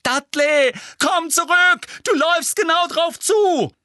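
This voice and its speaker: A man reading an audiobook voices a frightened teenage boy wizard who hisses and shouts urgent commands. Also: medium pitch, lively intonation, quick pace, slightly rough. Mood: desperate shouting. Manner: tense, hissing and shouting commands.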